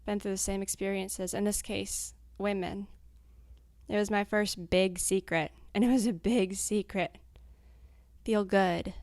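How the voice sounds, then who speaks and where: Blunt, gravelly young woman, dry close sound. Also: mid-range voice, darkish tone, no echo. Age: 20s. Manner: blunt, frank, swears freely. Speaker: anonymous interviewee. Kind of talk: candid recorded interview, cut into fragments.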